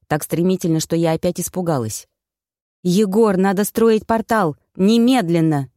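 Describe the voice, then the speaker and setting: Female audiobook narrator, low and mellow, dry close recording. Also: dry recording. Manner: even storytelling, first-person heroine. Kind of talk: scripted first-person audiobook narration.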